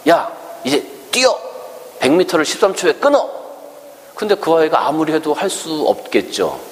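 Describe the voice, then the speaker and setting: A male pastor giving a conversational sermon, asking his congregation rhetorical questions and acting out quotes in a raised voice. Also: medium pitch. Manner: acts out quoted speech in a raised voice. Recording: long hall reverb with faint hiss.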